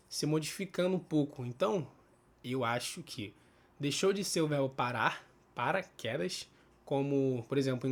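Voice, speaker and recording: A Brazilian man with a voice on the high side teaches a casual spoken lesson on Portuguese spelling. He explains step by step, thinking aloud with restarts and self-corrections and often checking in with quick tag questions.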